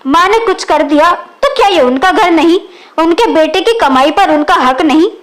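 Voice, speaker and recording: A woman reading the lines of a young married woman who is quick to anger and later sorry, in a storybook reading. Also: very high-pitched, expressive. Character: young married woman, hot-tempered then remorseful.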